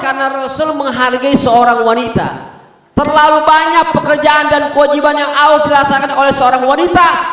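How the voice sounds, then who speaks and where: A man's voice: very high voice, pushed and bright. A middle-aged man with a Betawi Jakarta accent gives a humorous sermon, joking with the congregation and chanting Arabic verses. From Jakarta, Indonesia. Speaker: preacher. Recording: very echoey hall with long reverb.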